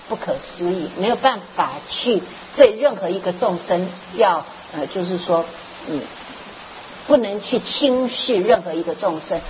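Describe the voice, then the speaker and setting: A woman teaching a Buddhist lecture in an unhurried way, often repeating words and ending phrases with a soft "ha". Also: mid-range voice. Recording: tinny phone-like line with faint hiss.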